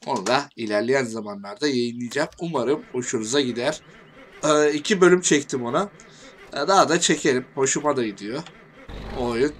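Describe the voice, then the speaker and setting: A man with a Turkish accent giving casual game commentary, talking to himself and swinging from quiet muttering to angry shouting. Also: medium pitch, a little fast, a little hiss or hum. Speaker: gaming YouTuber.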